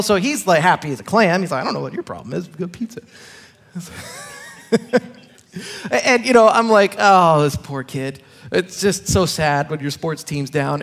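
A man's voice: high voice, a bit bright. A man in his thirties, a pastor, preaching a casual sermon in a church and talking in a joking, conversational way with restarts and small laughs. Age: 30s. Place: church sanctuary. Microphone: clip-on microphone.

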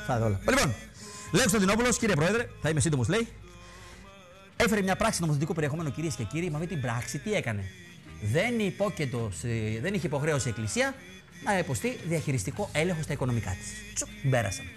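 A man's voice: a little high, very animated, faint music behind. A man hosting a TV show, giving mocking, theatrical satirical commentary on politics. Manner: mocking, theatrical, mimics bells and voices. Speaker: TV show host.

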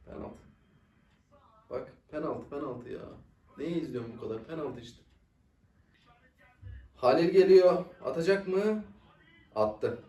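Young male reaction host, high voice, excitable, echoey room, somewhat off-mic. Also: slow, long pauses, far from the mic. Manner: excitable, swears and groans at missed chances. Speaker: football reaction video host. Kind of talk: casual live match reaction.

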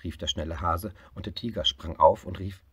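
Low, bright-toned male storyteller. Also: normal speed, slightly rough, no echo, clean studio sound. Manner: lively, expressive reading, swelling louder in happy parts. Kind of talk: reading a picture book aloud.

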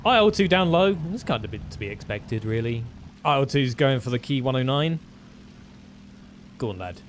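A man's voice: medium pitch, animated, a little fast, a little hiss or hum. A man commentating his own flight-combat gameplay, laughing often and cracking up at his wins. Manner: giggly, breaks into frequent laughter. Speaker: gaming commentator.

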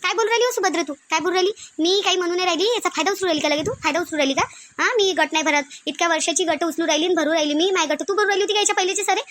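A woman voicing a defiant village woman who snaps back at her accusers, with a Varhadi Marathi accent and sharp retorts. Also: very high voice, rapid-fire, slight background noise.

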